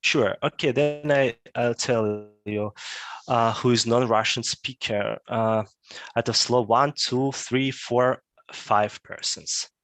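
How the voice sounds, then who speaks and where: A man's voice: mid-range voice, steady tone, slow pace, fairly bright tone, dry recording. A man from Ukraine answering carefully and apologetically in an online meeting, over a video call. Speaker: community member.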